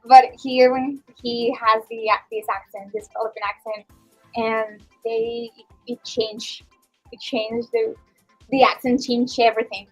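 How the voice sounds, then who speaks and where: Young woman, high voice, chatty student guest. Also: level tone, a little slow, soft background music, poor audio. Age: young adult. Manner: chatty, leans on "like" as a filler. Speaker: student guest on school radio. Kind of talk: casual chat.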